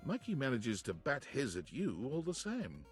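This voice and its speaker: A man's voice: medium pitch, huge pitch swings, normal speed, soft background music. A man giving wry, scripted storytelling narration for a video game. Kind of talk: scripted second-person narration.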